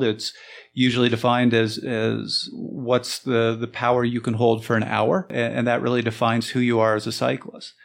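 A man on a podcast panel explaining conversationally, haltingly rephrasing as he goes. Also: medium pitch, vocal fry.

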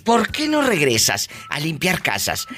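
Loud theatrical Mexican woman radio host. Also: sits low, wildly swooping pitch, unhurried, soft background music. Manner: loud, theatrical, teasing, laughs often. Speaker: radio call-in show host. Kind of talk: live radio call-in banter. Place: radio studio.

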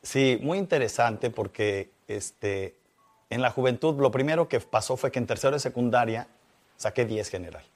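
A man, a magician guest in an interview, telling anecdotes with lively swings between excitement and quiet reflection. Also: mid-range voice, moderate pace. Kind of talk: animated storytelling in interview.

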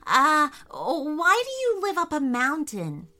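A woman's voice: high voice, huge pitch swings, slow, bright, forceful tone, faint music behind, voice pushed up, heavily acted. A woman playing a stammering nervous boy. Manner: stammering, worried. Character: timid, nervous young boy.

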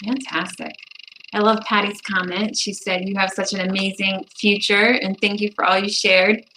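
A woman's voice: medium pitch, level tone, moderate pace, bright, forceful tone, a little hiss or hum, rough recording. Chatty woman host, casual interview. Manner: chatty, encouraging, frequent "like" fillers. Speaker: podcast host.

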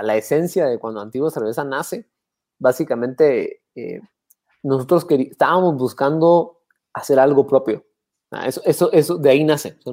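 A Guatemalan man with a Guatemalan Spanish accent, a brewery founder telling his story as a podcast guest, animated and full of restarts and fillers. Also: mid-range voice. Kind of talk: casual interview talk.

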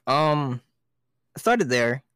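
A man's voice: mid-range voice, very animated, drawn-out words, a bit bright, clear, resonant tone, dry recording, clean studio sound. A young man co-hosting a casual podcast chat, telling rambling stories with lots of swearing and laughter. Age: young adult. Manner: rambling storyteller, swears a lot, laughs often. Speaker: podcast co-host.

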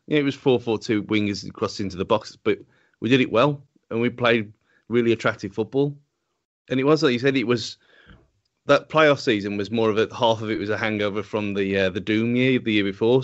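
A man co-hosting a casual football podcast, forthright and quick to laugh. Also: fairly low pitch, steady tone, dull audio. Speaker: podcast co-host.

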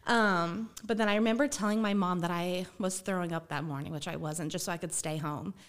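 A woman's voice: lowish voice, fairly even intonation, fairly quick. A woman in her twenties, a podcast guest, telling a personal story in a chatty, casual way and laughing often.

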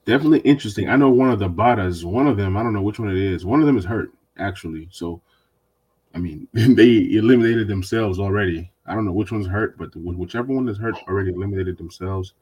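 A man hosts a laid-back sports podcast. His voice is husky and sits a bit low. He talks animatedly and sometimes throws on mocking voices to quote other people. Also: fast talker, darkish tone, muffled recording. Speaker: podcast host. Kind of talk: casual sports podcast chat.

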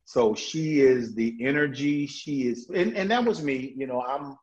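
Energetic laughing man on lo-fi audio. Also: medium pitch, a little slow. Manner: energetic, laughing storyteller with many restarts. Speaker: guest. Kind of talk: casual interview chat. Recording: dull lo-fi audio.

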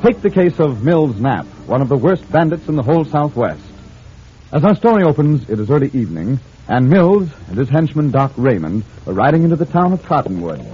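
A man's voice: mid-range voice, sing-song, brisk, a little hiss or hum. A man narrating an old radio western as announcer, in a scripted dramatic style. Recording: muffled vintage radio recording.

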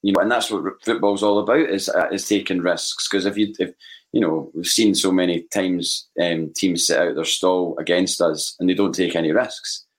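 A man in his forties with a Scottish accent chats casually about football. His voice is very deep, and he talks haltingly, often repeating words as he goes. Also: steady tone. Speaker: podcast panellist.

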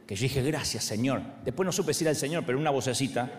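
A fast-talking man in his forties with an Argentine Spanish accent and a medium-pitched voice, recorded with a slight hiss or hum. He's a pastor delivering a humorous sermon, animatedly acting out the voices in his stories and laughing along.

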